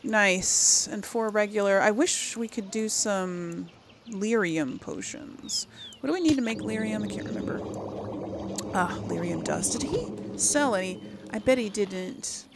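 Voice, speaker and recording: Over some background noise, a woman with a mid-range, expressive, gravelly voice talks at a measured pace. She's a gaming video host doing casual commentary on her play, thinking aloud, murmuring to herself, and reading item text out loud.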